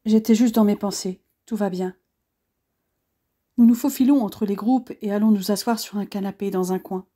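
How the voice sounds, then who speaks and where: Warm-voiced woman narrating an audiobook. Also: medium pitch, steady tone, moderate pace. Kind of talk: first-person audiobook narration.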